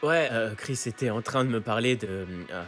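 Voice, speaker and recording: An actor playing an eager, casual young son in naturalistic video game dialogue. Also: male voice, mid-range voice, moderate pace, fairly bright tone, faint music behind, lightly acted.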